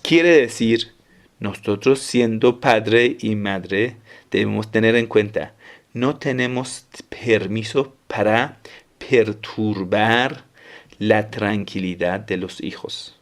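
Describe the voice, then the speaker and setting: Emphatic man giving a religious talk. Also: slow. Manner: explains step by step, repeats key phrases, often acts out parents' words; emphatic rises in pitch on key words. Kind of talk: lecture-style religious talk.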